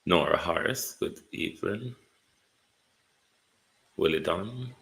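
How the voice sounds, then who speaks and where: A man with a Jamaican accent hosting a live political talk stream, speaking theatrically, moving between calm and indignant heat. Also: deep voice, slow pace, creaky, low-quality recording. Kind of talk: live political commentary to viewers.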